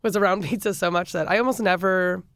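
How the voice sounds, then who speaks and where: A woman's voice: lowish voice, fast, no echo. A woman in her thirties from the American Midwest, a chef being interviewed, talking casually with lots of fillers and laughter. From Midwestern United States. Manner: chatty, frequent fillers and laughs. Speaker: chef and restaurant owner, guest.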